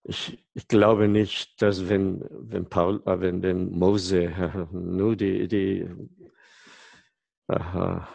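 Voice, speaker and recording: A male preacher speaks in a lowish, creaky voice. He moves slowly and haltingly, searching for words and asking his listeners questions. The sound is dry and close. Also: little pitch movement, darkish tone, no room sound. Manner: halting, searching for German words, self-interrupting; asks listeners rhetorical questions. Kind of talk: conversational sermon to congregation.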